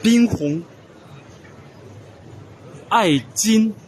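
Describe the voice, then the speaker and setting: Male vlogger, high-ish voice, slow unhurried delivery, casual walking-tour narration in an expo hall with faint background noise. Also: animated. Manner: unhurried, spells out names letter by letter. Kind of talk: casual walk-and-talk narration. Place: large indoor trade expo hall.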